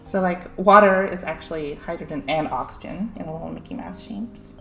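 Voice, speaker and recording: A young woman with a low-sitting voice chats about science on her stream, talking fairly fast. She's giggly and fills her sentences with "like" and "um," and the echoey recording has faint music underneath.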